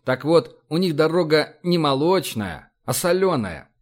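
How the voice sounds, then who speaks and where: Man, audiobook narration, even storytelling, somewhat high pitch. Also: measured pace.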